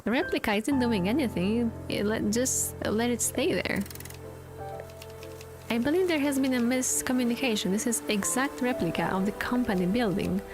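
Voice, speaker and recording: A woman voicing a stiff, formal café customer who gives a presentation in a flat, robotic manner, with music playing behind. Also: on the high side, normal speed, natural voice.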